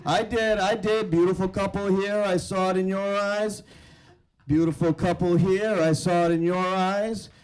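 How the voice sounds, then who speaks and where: Brash young stand-up comedian, slightly high voice. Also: male voice, steady tone, a little mellow, clear, resonant tone. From India. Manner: brash, teasing, quick crowd banter. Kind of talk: stand-up comedy with crowd work. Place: comedy club stage. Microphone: handheld microphone.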